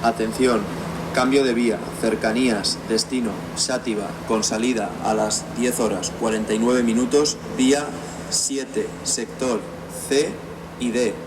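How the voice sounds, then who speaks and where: A man making a formal platform change announcement over a station PA system, with slight pauses between items. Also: mid-range voice, steady tone. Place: train station. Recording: distant loudspeaker, station noise.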